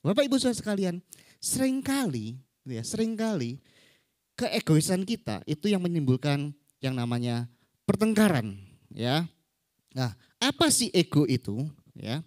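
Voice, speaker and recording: Lively conversational preacher, dry sound. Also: medium pitch, normal speed, long pauses, no room sound. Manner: conversational, acts out stories, frequent tag questions. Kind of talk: sermon. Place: church service.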